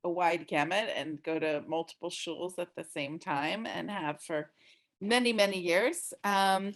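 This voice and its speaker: A woman from Texas speaking as a panelist, halting and filling her pauses. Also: lowish voice. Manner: hesitant, many pauses and fillers. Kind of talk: casual panel discussion.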